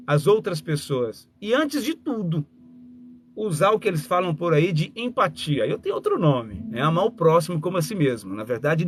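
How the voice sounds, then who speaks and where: Man, motivational talk, fairly high voice, very animated pitch. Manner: animated, acts out little dialogues, speaks straight to listeners. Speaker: communication mentor and speaker.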